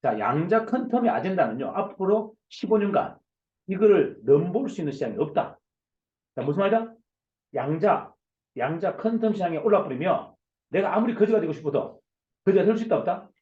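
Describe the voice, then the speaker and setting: A man, a company CEO, giving a forceful motivational lecture over a video call, loud and emphatic, firing off rhetorical questions. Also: high-pitched, sing-song, brisk, roomy sound, dull audio. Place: online video session.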